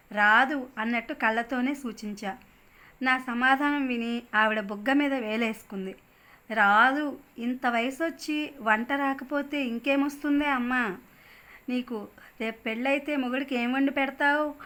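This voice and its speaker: నవల చదువుతున్న కాస్త ఎత్తైన గొంతు గల స్త్రీ. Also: female voice, a little high, sharp tone. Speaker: narrator reading a novel. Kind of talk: audiobook narration of a novel.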